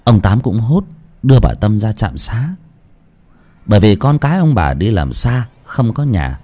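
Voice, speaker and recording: A man's voice: on the low side, very animated, measured pace, warm tone. A man narrating a ghost story in a dramatic, vivid way.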